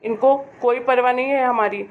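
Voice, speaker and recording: A woman plays an impatient grown son who scolds his mother in a homemade family drama. The voice sits fairly high for the role. The recording is dull and lo-fi, with a faint hiss. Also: steady tone, normal speed, natural voice. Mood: angry. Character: irritable adult son who trusts his wife.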